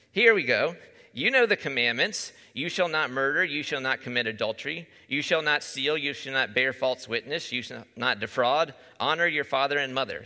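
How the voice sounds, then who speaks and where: Man, pastor, sermon, bright forceful voice, slightly high, long hall reverb. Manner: conversational, asks the listeners questions.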